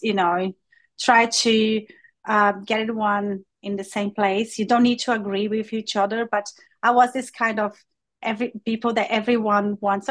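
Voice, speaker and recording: A woman from Brazil, a native Portuguese speaker with a Brazilian accent, telling her story as an interview guest in a halting way full of fillers. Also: medium pitch. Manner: halting, with many fillers and restarts. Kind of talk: conversational interview.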